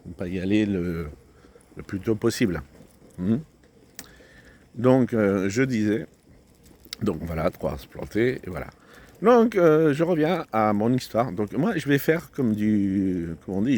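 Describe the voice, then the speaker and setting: Middle-aged man, very deep and slow, halting casual vlog chat outdoors, lots of ums and restarts. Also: darkish tone. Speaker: vlogger. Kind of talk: casual rambling vlog talk. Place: outdoors by a road.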